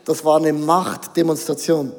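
A Swiss man in his forties preaches with a Swiss German accent, keeping things jokey and lively and slipping in English phrases. His voice sits high for a man. The big hall gives it a long, trailing reverb. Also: a little slow. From Switzerland. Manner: joking, lively, mixes in English. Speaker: pastor. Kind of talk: sermon. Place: large hall on stage.

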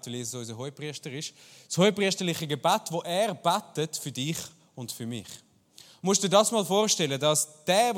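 A Swiss man preaches with a Swiss German accent. He talks straight to his listeners in a relaxed, conversational way, and his voice sits a little high for a man. The sound rings out with the long reverb of a large hall. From Switzerland. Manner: conversational, addresses listeners directly. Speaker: pastor. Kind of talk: sermon.

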